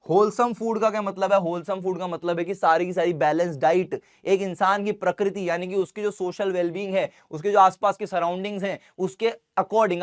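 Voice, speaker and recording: A young man teaching an online science class, chatty and informal with his students, reading English lines slowly and deliberately. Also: sits high. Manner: chatty, addresses students as bhai and beta.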